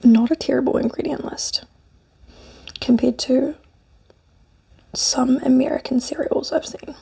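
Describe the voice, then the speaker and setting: Whispering New Zealand woman, breathy and husky. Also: high-pitched, fairly even intonation, measured pace, dark tone. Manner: tasting cereal while musing aloud. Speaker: snack reviewer. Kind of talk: whispered ASMR food review, eating cereal.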